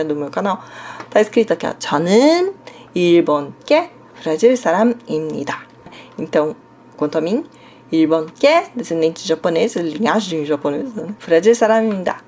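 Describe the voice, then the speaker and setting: Speaking in a lowish, darkish voice over slight background noise, this Korean teacher answers her viewers' comments in a chatty way. She is young, from inland São Paulo state with its Brazilian accent, sprinkles in "né?" and "tá?" often, and laughs a little.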